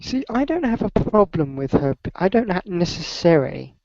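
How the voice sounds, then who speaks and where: A man co-hosting a fan podcast, steering the talk in a measured way with hesitant fillers. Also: high voice, big pitch swings, gravelly, darkish tone, dry recording. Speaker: podcast co-host. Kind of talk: casual fan chat. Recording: dull lo-fi dry recording.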